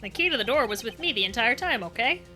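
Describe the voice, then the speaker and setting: A woman voices a rough-edged, good-natured male detective from a video game. The delivery is casual and gruff, with a bright edge to the tone. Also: on the high side, lively intonation, quick pace, soft background music.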